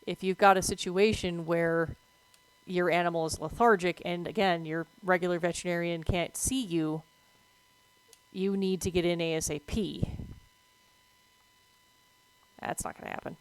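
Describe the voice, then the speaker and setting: Woman, lowish voice, dry close sound, blunt and profane, casual stream talk. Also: normal speed, clear, resonant tone, no room sound, rough recording. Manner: blunt, swears freely; animated, breaks off to react to the game. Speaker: streamer with veterinary work experience. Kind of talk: casual explanation while playing a game.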